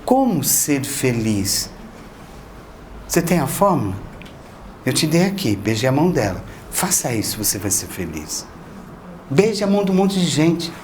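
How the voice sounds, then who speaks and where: A man's voice: mid-range voice, big pitch swings, a little slow, pauses often, darkish tone, a little hiss or hum. A man giving a spiritual lecture, talking conversationally and asking the audience questions. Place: lecture hall of a spiritist association.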